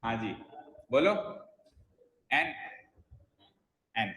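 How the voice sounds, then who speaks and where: A man's voice: mid-range voice, lively intonation, drawn-out words, sharp tone. A man teaching an English grammar class, quizzing students by name and coaxing them to listen closely. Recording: echoey roomy sound.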